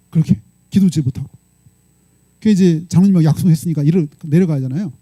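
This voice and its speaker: Man, pastor, sermon storytelling, husky, dry close sound. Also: high-pitched, no echo. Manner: animated, prods listeners with frequent "eh?".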